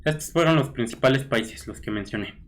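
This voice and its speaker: A man with a Mexican Spanish accent, his voice medium-pitched and brisk, chats casually as a blogger host. He reads news snippets aloud and muses over them conversationally, leaning on fillers like "este" and tag questions such as "¿no?".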